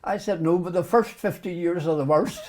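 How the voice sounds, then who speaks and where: An older man from Northern Ireland with a Belfast accent, a retired doctor, reminisces about his life in an interview. His voice is high and a little mellow at a normal speed, and he's self-deprecating, often breaking into chuckles.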